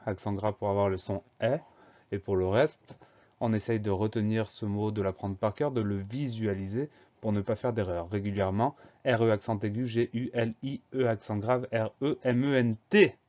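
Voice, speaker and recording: Man spelling out words slowly for pupils. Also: fairly low pitch, a little mellow, lo-fi sound. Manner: slow, deliberate spelling out of letters. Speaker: teacher. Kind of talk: spelling lesson narration.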